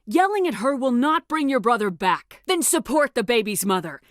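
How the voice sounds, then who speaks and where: A woman's voice: on the high side, big pitch swings, normal speed, no echo, clean studio sound. A woman playing a resolute, no-nonsense military space commander in video game dialogue, with a direct, authoritative and controlled delivery. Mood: earnest, pressing.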